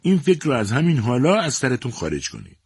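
Male narrator playing a prying scolding mother, raised higher, loud, dry close sound. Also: huge pitch swings, slightly rough, dry recording. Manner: sneering, accusing. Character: sharp suspicious scolding mother.

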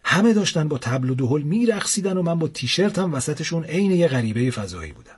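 A young man narrating a comic first-person adventure in a casual, lively storytelling manner. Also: on the high side, husky. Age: young adult.

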